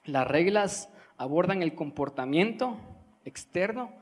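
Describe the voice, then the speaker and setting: A young man from Guatemala, preaching a sermon in an earnest teaching manner, pausing to stress key words. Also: high-pitched, lively intonation. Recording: reverberant church hall.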